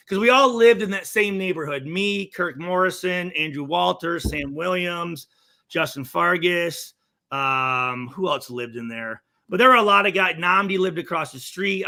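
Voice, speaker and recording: A man co-hosting a podcast, telling a long story in a laid-back, profane, animated way. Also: a little high, vocal fry. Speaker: podcast co-host, former player. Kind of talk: casual storytelling chat.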